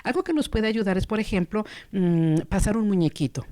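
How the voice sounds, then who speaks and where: Calm, measured woman therapist. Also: mid-range voice, no room sound. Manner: calm, measured, with playful acted quotes. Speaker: psychotherapist.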